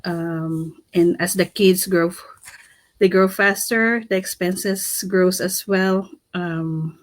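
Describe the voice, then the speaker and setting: A woman from the Philippines co-hosting a talk show, speaking hesitantly with frequent pauses and restarts. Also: on the low side, fairly even intonation, dry recording. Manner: hesitant, many um's and restarts. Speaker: co-host.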